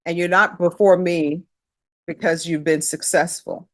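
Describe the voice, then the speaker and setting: A woman's voice: lowish voice, fairly even intonation, measured pace, no echo, studio quality. Stern woman judge lecturing from the bench. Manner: firm, lecturing, pointed rhetorical questions. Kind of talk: stern courtroom questioning. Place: courtroom.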